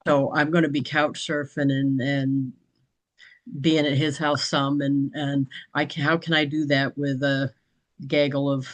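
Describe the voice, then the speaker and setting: Her pitch is extremely low and her delivery flat and measured as this business training participant rambles casually in a group meeting. She keeps restarting and laughs lightly now and then, on a low-quality recording.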